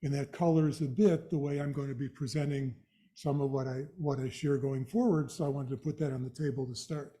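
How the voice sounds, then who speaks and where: An older man with vocal fry giving an educational talk in a measured, halting, explanatory way. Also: mid-range voice, steady tone, dark tone. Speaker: guest speaker, retired executive director. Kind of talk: educational presentation to a live audience.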